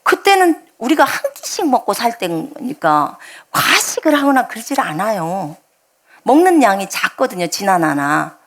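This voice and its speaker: A woman's voice: mid-range voice, a little slow. A middle-aged woman preaching a sermon as a missionary, telling stories and acting out quoted dialogue. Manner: animated storytelling, acts out quoted dialogue. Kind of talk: sermon with storytelling.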